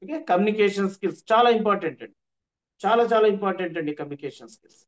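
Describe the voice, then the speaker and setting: A man's voice: high voice, lively intonation, rapid-fire. A man teaching an online workshop, repeating his points with emphasis. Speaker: trainer.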